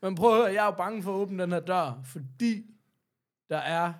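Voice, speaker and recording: Man, Danish accent, rather high pitch, podcast host, casual chat, jokey, teasing, mildly sweary.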